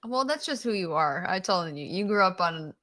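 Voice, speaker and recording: A woman hosting a podcast, firing off quick either-or questions and giggling between them. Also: on the low side, animated, fairly bright tone. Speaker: podcast host asking questions. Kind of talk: casual chat.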